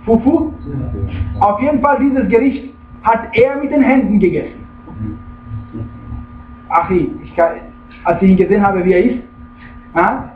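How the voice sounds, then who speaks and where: A man with a very high voice preaches emphatically and keeps checking in with his listeners. He sounds distant from the microphone in an echoey room. The recording is thin and phone-like, with a faint hum underneath. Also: measured pace, long pauses. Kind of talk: religious lecture. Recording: tinny, echoey room, far from the mic.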